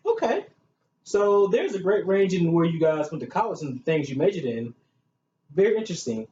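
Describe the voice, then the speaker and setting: In a staged, student-made amateur talk show, a man plays a gushing, chatty host, his high, dark-toned voice very animated at a moderate pace. The room recording is echoey and muffled, with hiss.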